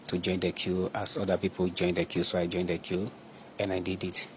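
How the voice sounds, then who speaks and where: A man from Nigeria, a pastor, giving hesitant, halting answers under questioning. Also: deep voice, flat delivery, slight background noise.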